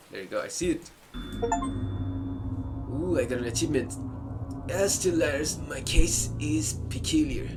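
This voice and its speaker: A man hosts a let's play, chatting casually, thinking aloud, repeating himself, and reading out game text while game music plays. His voice is mid-range, and the recording is rough.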